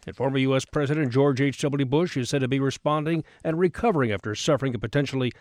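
A man's voice: medium pitch, fast talker, darkish tone, dry recording, clean studio sound. A man reading scripted radio news as an anchor.

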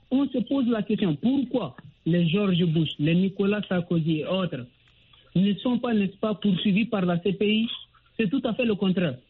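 A man calling in to a radio show over a phone line, speaking formally with many pauses and tag questions. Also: high voice. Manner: formal, with many pauses and repeated "n'est-ce pas". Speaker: radio call-in listener. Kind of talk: call-in opinion on a radio show. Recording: tinny phone line with faint noise and clicks.

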